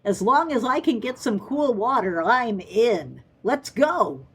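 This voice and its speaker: Very raspy, slow-talking woman. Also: a little high, lively intonation. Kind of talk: speaking in character in a hobby audio story.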